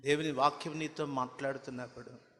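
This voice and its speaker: A man's voice: medium pitch, steady tone, brisk, fairly bright tone. A man preaching a sermon, telling a story and firing rhetorical questions at the congregation, building to impassioned appeals. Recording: long reverb of a large hall.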